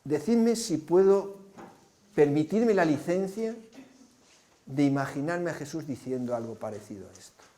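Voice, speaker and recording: A man's voice: on the high side, expressive, measured pace, dark tone. A man preaching a sermon, painting vivid scenes and asking his listeners rhetorical questions. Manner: vivid storyteller, asks the congregation rhetorical questions.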